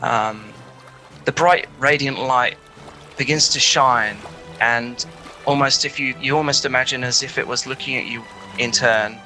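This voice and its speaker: A man's voice: mid-range voice, steady tone, a little slow, sharp tone, faint music behind, poor audio. A man narrating a tabletop game as game master, with hesitant, filler-heavy speech.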